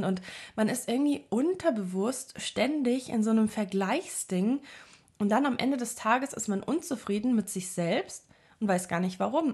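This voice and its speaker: A young woman talks straight to her viewers in a loose, reflective monologue. She is earnest and rambling, full of little fillers and restarts as she gives advice, and her voice sits at an ordinary middle pitch. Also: darkish tone. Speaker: vlogger giving self-help advice.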